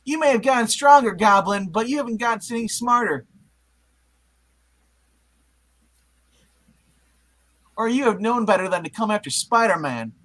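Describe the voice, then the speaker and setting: A man's voice: high-pitched, expressive, quick pace, fairly bright tone, rough recording. A man voicing a brash, wisecracking young superhero, melodramatic and exclamatory, in a comic book puppet-show reading. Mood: defiant.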